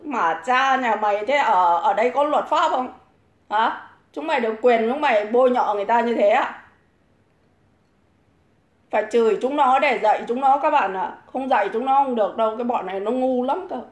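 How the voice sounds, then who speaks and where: Combative woman ranting. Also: on the high side. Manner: combative, insulting, taunting. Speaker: livestream host. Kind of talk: profane livestream rant. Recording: echoey room.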